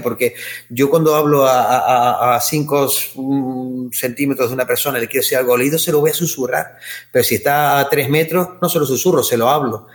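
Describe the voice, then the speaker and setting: A man with a Canarian Spanish accent, an ethnomusicologist guest giving long, discursive explanations full of tag questions. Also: on the high side. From Tenerife, Canary Islands. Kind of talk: explanatory interview answers.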